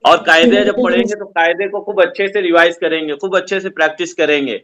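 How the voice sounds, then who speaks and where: A man's voice: high-pitched, fairly even intonation, fairly bright tone, lo-fi sound. A man teaching an online Islamic studies class to children over a video call, giving simple, repetitive instructions.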